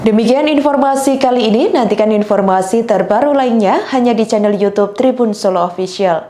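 A woman narrating a news report in an even, formal scripted delivery. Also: on the high side, a little fast, faint music behind.

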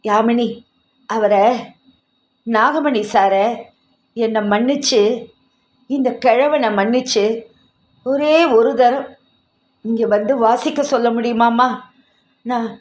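A woman reading the lines of a frail, dying old father who speaks in halting, broken phrases. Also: a little high, reverberant. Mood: pleading.

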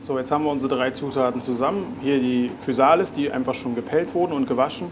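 A young adult chef with a mid-range voice gives a cooking demonstration, calmly and plainly explaining a dish step by step with filler pauses. He wears a lapel mic, and kitchen noise and a sizzling pan sound behind him. The setting spans a garden, greenhouse and restaurant kitchen.

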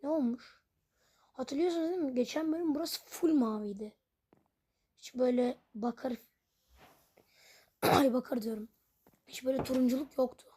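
A woman's voice: high voice, normal speed, pauses often, mellow, slightly rough. A woman commenting on her own game as she plays, puzzled and rambling, and she keeps talking to her viewers. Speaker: gaming channel host. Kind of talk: Minecraft let's play commentary.

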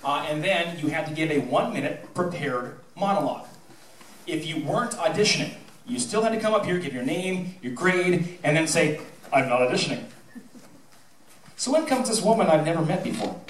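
A middle-aged high school theatre director stands on stage giving an informal speech full of anecdotes and thank-yous, animated and projecting, his voice on the high side at normal speed. He uses a handheld mic through the PA, captured by a distant camera in the roomy audience space with a little hiss or hum.

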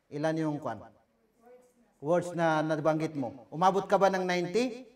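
A Filipino man giving a lecture on public speaking, moving from loud emphasis to a soft murmur and acting out bad delivery. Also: a little high, moderate pace. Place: cultural center hall. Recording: voice from far off the mic.

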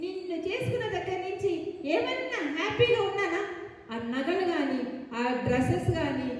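A woman's voice: very high voice, moderate pace. A woman playing a nagging wife who scolds her husband in a comic stage drama rehearsal. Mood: scolding. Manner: scolding, complaining, theatrical. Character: nagging young wife, later pleading Savitri. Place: rehearsal hall. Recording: echoey hall, room reverb.

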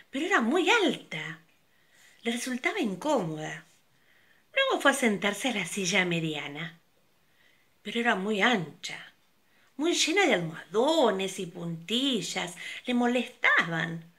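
Slow, lively older woman storyteller. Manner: slow and very expressive, leaping pitch. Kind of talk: storytelling for children.

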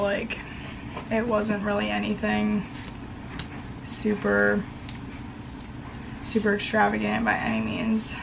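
Young female college vlogger, hoarse and losing her voice, fry-heavy, casual, noisy bedroom recording. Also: a little high. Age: young adult. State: losing her voice after screaming. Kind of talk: casual vlog chat. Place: small bedroom, indoors. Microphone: camera at about arm's length.

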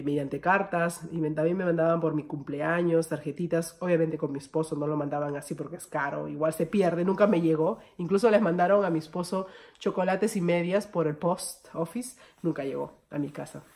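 A woman's voice: low-pitched, steady tone, fairly quick, darkish tone. A young Peruvian woman speaks with a Peruvian Spanish accent in a storytime vlog. She talks in a chatty, familiar way and keeps calling her viewers friends. Her delivery is that of a casual personal story. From Peru. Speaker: vlogger.

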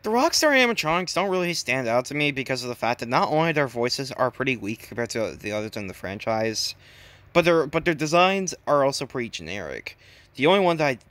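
A man's voice: mid-range voice, fairly bright tone. A young man giving casual, opinionated commentary, often stumbling and restarting his sentences. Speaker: video commentator.

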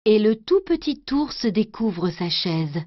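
A woman storyteller doing an expressive scripted storybook narration. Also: mid-range voice, takes it slowly, no room sound. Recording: dry, dull lo-fi recording.

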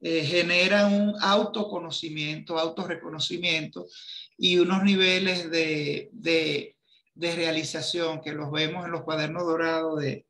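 Slow, gravelly man leading a film talk. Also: on the high side, fairly even intonation, sharp tone. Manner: slow, hesitant, searching for words. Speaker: film discussion moderator. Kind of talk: film forum discussion. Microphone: video call webcam.

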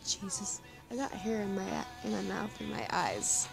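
A woman giving casual reaction commentary while dubbing a comic, giggly and quick to run herself down. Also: medium pitch, lively intonation, creaky, soft background music. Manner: giggly, self-deprecating asides. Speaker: comic dub reader.

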